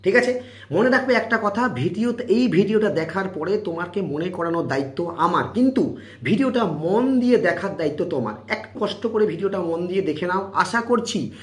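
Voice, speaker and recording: Male online tutor, animated sing-song delivery, quizzing viewers again and again. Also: sits high, normal speed. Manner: drills with repeated questions and answers. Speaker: quiz teacher. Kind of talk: YouTube general-knowledge lesson.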